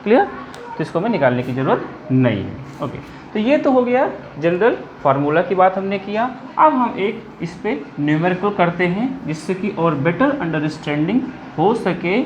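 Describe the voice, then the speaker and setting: A physics teacher working through a derivation step by step. The teacher dictates formulas deliberately, mixes in English technical terms and often stops to ask whether it is clear. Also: mid-range voice, sing-song, slight background noise. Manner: switches between Hindi and English technical phrases. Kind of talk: blackboard-style lecture working through a derivation. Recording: echoey room, dull lo-fi sound.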